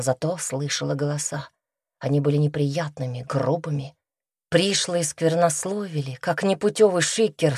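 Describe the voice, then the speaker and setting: Low husky woman narrating a story. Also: darkish tone, no room sound, studio quality. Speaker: audiobook narrator. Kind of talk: scripted narration.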